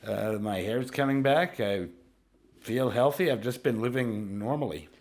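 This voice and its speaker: A man's voice: mid-range voice, unhurried. A young man co-hosting a podcast, chatting casually and joking with an easy laugh. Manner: relaxed and joking, often laughing. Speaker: podcast co-host. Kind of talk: casual chat.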